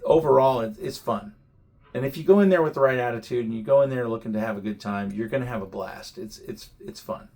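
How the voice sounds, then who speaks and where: A man's voice: mid-range voice, fast, darkish tone. A man hosting a casual vlog chat, talking reflectively and often repeating words as he works out his point. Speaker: vlog host.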